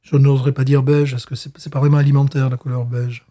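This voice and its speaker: A man's voice: mid-range voice, flat delivery, quick pace, mellow. A man co-hosting a casual beer-tasting podcast chat, talking hesitantly with frequent restarts and fillers. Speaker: podcast co-host.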